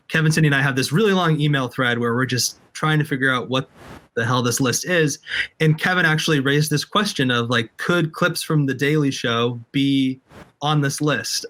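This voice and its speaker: A man's voice: mid-range voice, fairly bright tone. A man co-moderating a live panel over a video call, chatty and casual with many fillers.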